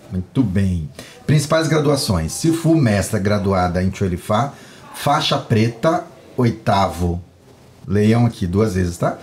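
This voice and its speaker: A man with a mid-range, slightly mellow voice hosts a podcast in a Brazilian Portuguese accent. He jokes and laughs through a guest's introduction in playful banter, with slight background noise.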